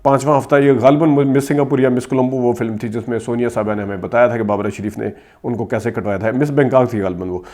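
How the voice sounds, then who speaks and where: A man hosting a rapid film-history commentary, reeling off movie titles fast and adding quick asides. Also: mid-range voice, fairly even intonation, darkish tone. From Pakistan. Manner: reels off titles quickly, stressing names, with asides. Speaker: host.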